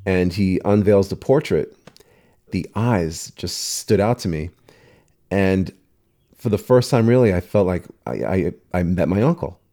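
A man's voice: deep voice, animated, a little slow, dark tone. A man telling a personal family story in an earnest, emotional way during an interview.

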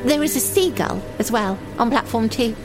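A woman's voice: on the high side, lively intonation, normal speed, over music, close to an everyday voice. A woman playing a lonely, timid young runaway in an audio drama monologue, speaking in simple, naive, confiding phrases. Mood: forlorn, waiting. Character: lonely, timid young runaway waiting for a train, childlike and wistful.

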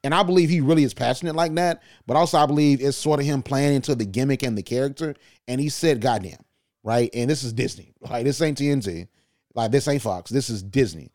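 A man hosting a podcast, giving casual, animated opinion commentary with loose slang. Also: mid-range voice, quick pace, no echo, studio quality. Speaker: podcast host.

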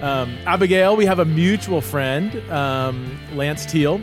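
A man's voice: on the high side, slow pace, music in the background. A man hosting a podcast, chatting casually and enthusiastically, rambling with fillers and restarts. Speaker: podcast host. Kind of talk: casual podcast intro and interview.

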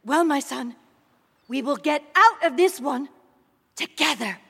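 A gentle, brave mother in a children's audio story, speaking softly and steadily, as a woman acts her out. Her voice sits very high and carries a long reverb behind it. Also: measured pace, vocal fry, heavily acted. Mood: calm. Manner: soft, steady and reassuring. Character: brave, calm mother of a young boy.

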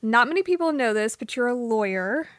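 A woman's voice: a little high, animated, fairly quick, dry recording, clean studio sound. A woman hosting a talk show, introducing her friend in a heartfelt, rambling way. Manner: warm-hearted, emotional, rambling. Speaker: host. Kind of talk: casual chat.

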